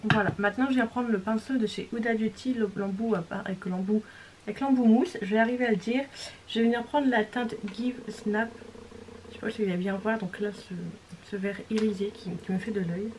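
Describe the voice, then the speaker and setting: Speaking a little fast with a medium-pitched, steady voice, a female beauty vlogger guides viewers through a makeup tutorial amid background noise. She keeps it chatty and casual, narrating each step, fixing her own wording, and at times nearly whispering.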